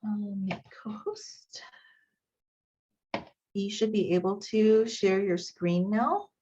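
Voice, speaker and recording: A woman hosting a meeting, reading a guest introduction with many um pauses over a video call. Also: mid-range voice. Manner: warm filler-laden reading, with um pauses. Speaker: meeting host introducing a speaker. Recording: dull lo-fi video call audio.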